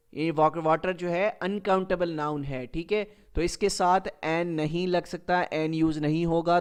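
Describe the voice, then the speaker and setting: A man giving a recorded lecture to exam candidates. He explains grammar rules slowly, repeats them, and answers his own questions. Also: on the high side, clear, resonant tone. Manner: reads English example sentences slowly and carefully. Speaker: English teacher for exam candidates.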